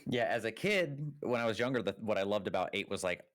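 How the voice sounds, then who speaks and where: Man, low voice, dry sound, rambling casual podcast chat, lots of fillers. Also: lively intonation, fast talker, fairly bright tone, no echo. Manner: rambling, filler-heavy, self-correcting. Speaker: podcast co-host.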